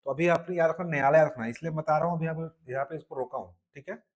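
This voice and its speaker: Hindi teacher, slightly high voice, drilling students. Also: male voice. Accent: Chhattisgarhi-tinged Hindi. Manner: drills students with frequent "ठीक है" checks; spells words slowly sound by sound. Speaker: Hindi teacher at a coaching class. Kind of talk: live classroom lesson.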